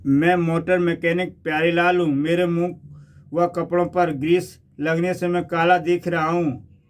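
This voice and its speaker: A man's voice: fairly high pitch, level tone, unhurried, clean tone, natural voice. A man voicing a frightened male motor mechanic who protests in a panic. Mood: panicked.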